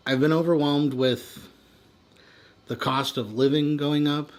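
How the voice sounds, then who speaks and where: A man's voice: on the high side, steady tone, a little slow. An American man in a candid, unscripted rant, sounding worn out and weary, speaking frankly and trailing off. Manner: exhausted, weary, sighing and trailing off; frank, swearing. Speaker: vlogger venting personal frustrations.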